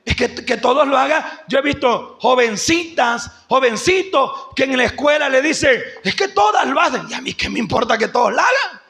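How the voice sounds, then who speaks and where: A male pastor preaching a sermon, telling a story in an animated way, acting out other voices, and sometimes shouting. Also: extremely high pitch, normal speed, few pauses. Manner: animated, shouts at points, acts out quoted voices.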